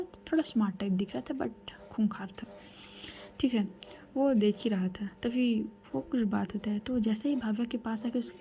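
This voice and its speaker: A young adult woman telling a serialized love story in a soft, breathy, half-whispered voice, with casual asides to the listener. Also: fairly high pitch. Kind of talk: hushed serialized story narration.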